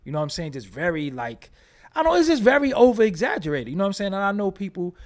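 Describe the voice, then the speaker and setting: Sing-song and high-pitched, this New York-accented vlogger rattles off loose, profane casual commentary at speed in a somewhat mellow tone, often tossing in "you know what I'm saying."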